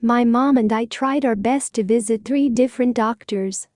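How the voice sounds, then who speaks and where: A woman with a fairly high voice reads a short first-person story in plain, measured sentences. Her delivery stays even and simple. The sound is close and dry. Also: no room sound. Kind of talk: slow read-aloud example story.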